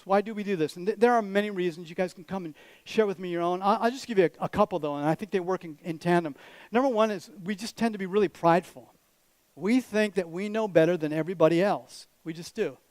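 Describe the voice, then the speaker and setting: High-voiced conversational male pastor. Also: a little mellow, dry recording. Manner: direct, conversational, teasing asides. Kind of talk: sermon. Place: church.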